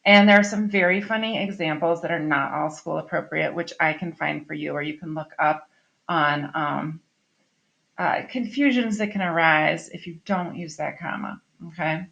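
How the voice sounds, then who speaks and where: Woman teacher, recorded lesson; lower voice with some fry, chatty and explanatory. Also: normal speed, fairly bright tone, highs cut off. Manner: explanatory, chatty, frequent "um" and "okay?" check-ins. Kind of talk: recorded online class lesson.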